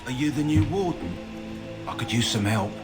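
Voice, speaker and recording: An actor playing a calm, practical kennel master in a video game, speaking in a plain, matter-of-fact way. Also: male voice, medium pitch, normal speed, natural voice. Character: steady, caring male kennel master, middle-aged. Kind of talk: scripted game dialogue. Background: game music.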